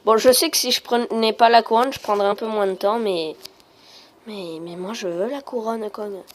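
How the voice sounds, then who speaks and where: A woman giving casual, rambling gameplay commentary that breaks into frustrated shouts. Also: medium pitch, steady tone, normal speed, slight background noise. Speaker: gaming video creator.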